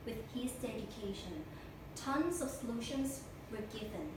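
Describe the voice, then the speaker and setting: A young woman recites a memorized speech for a competition, stiff and deliberate. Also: fairly high pitch, animated. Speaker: speech contestant. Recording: echo-heavy room, distant mic, noisy.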